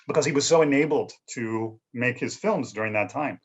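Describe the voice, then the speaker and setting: A man's voice: mid-range voice, normal speed, husky. Man telling stories, muffled sound. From Canada. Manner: conversational, leans on "you know" and "right?". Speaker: filmmaker guest. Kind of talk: relaxed storytelling interview.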